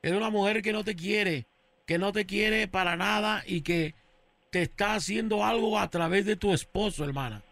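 A man's voice: high-pitched, moderate pace, a bit bright, dry recording. A man playing a grandiose male faith healer in a comedy radio sketch, calling everyone brother and sister and chanting incantations. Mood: soothing.

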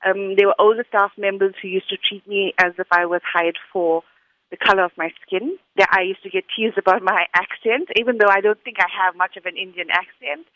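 Her answers are earnest and articulate: she's a South African woman in her 40s who works as a school's academic director and is being interviewed. She speaks at medium pitch and fairly quickly, and the dull lo-fi audio is dry with no echo.

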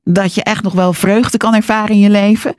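A woman hosting a radio interview, asking calm, probing questions. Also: mid-range voice, fairly quick, dry recording, studio quality. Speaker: radio host.

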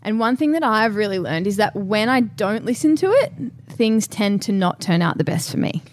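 A woman's voice: mid-range voice, very animated, normal speed, a little mellow, a little hiss or hum. A young adult woman chatting casually as a podcast co-host, informal and often quoting herself. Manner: informal, frequent "like" and self-quoting. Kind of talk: casual chat.

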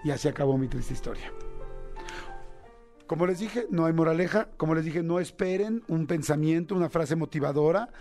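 A man hosting a radio show, his voice sitting a little high for a man. He tells a personal story in a loose, jokey way and playfully mimics other people's voices. Soft music runs faintly under him in the studio. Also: normal speed. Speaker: radio host.

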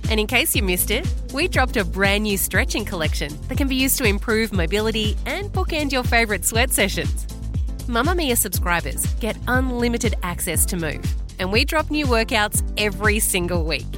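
A woman's voice: medium pitch, big pitch swings, normal speed. An Australian woman giving a scripted promotional voice-over for an advertisement. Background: music.

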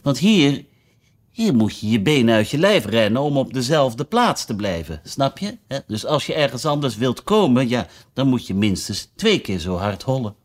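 A man voicing a brisk, bossy queen who shouts high commands and tacks on chatty tag questions. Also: very animated, close to an everyday voice. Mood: kindly.

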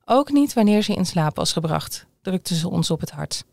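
A woman reading a news feature aloud in a calm, measured scripted narration. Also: on the low side, creaky, no echo. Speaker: newsreader.

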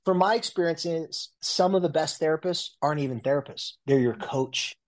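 This guest, a man in his forties who works as a family and marriage therapist, talks at normal speed in a voice on the high side. The interview is casual, and his speech is loose, full of fillers and restarts.

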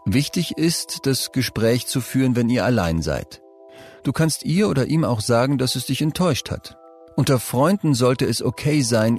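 A man narrating scripted advice for young people, speaking calmly and addressing the listener directly. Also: mid-range voice. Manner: calm, direct second-person advice.

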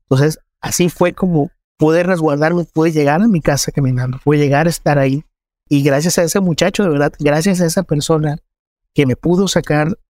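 A man with a Mexican accent, a journalist giving an earnest, measured personal testimony in an interview. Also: fairly high pitch, a little mellow, no room sound, clean studio sound. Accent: Mexican Spanish.

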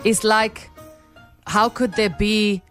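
A woman playing a cheeky, patriotic Russian radio correspondent in heavy accent and broken English, coyly deadpan with a hint of menace. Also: mid-range voice, takes it slowly. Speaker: comic World Cup correspondent. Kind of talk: comedic radio interview in character. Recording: music bed behind the voice. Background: music.

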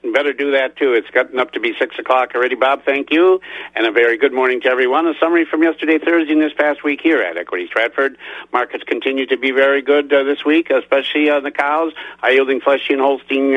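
A man on farm radio, relaxed and folksy with many fillers, chatting and then summarizing the week's cattle markets. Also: medium pitch, no room sound, phone-quality sound. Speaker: livestock market reporter. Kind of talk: radio chat and market report.

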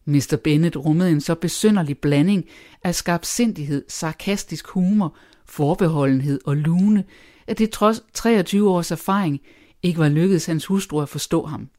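An audiobook narrator reading a classic novel in a measured, even way. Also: medium pitch. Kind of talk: scripted literary narration.

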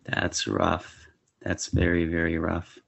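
A man's voice: deep voice, completely flat delivery, slow pace, gravelly, fairly bright tone. A man co-hosting a casual podcast, upbeat and chuckling as he talks. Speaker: podcast co-host. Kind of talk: casual chat about comic book films.

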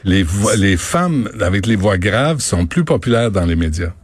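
A man's voice: low voice, sing-song, moderate pace. A man with a Quebec French accent, hosting a radio show in casual, joking banter. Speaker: radio host.

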